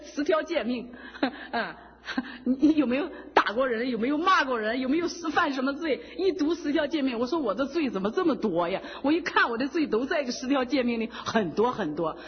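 A woman giving an emotional personal testimony, with folksy, animated storytelling full of fillers, laughing and tearful at times. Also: sits high, fairly quick, husky. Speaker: church member giving testimony. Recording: dull reverberant hall sound.

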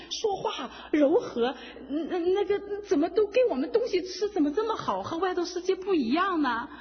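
A woman giving an emotional personal testimony, with folksy, animated storytelling full of fillers, laughing and tearful at times. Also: extremely high pitch. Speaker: church member giving testimony. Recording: dull reverberant hall sound.

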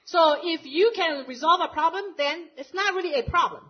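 A woman interpreting a church testimony live into English, quick and often correcting herself. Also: very high voice. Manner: quick, with frequent self-corrections. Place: church meeting. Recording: muffled lo-fi recording.

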